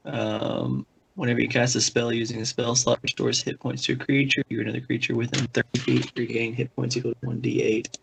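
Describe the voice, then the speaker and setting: A man's voice: medium pitch, little pitch movement, fairly quick, gravelly, noisy background. A man playing in a tabletop game, thinking aloud as he picks his moves. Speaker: player. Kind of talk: casual game chat.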